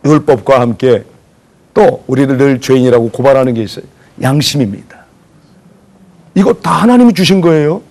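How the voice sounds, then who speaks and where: A man's voice: mid-range voice, brisk, pauses often. A man preaching a sermon lecture to a congregation, asking them questions and acting out voices as he tells stories. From South Korea. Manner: animated preacher acting out voices, calls for audience replies. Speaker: pastor.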